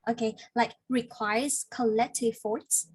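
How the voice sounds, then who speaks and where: A woman's voice: a little high, steady tone, husky. A woman English teacher from Vietnam with a Vietnamese accent, patiently correcting and explaining words in a speaking lesson. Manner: patient, corrective, explains word choices slowly.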